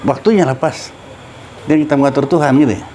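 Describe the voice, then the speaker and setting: A man's voice: medium pitch, fast, dark tone, slight background noise. A middle-aged man, a religious teacher, giving a casual study talk and asking his listeners questions. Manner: conversational, asks listeners questions.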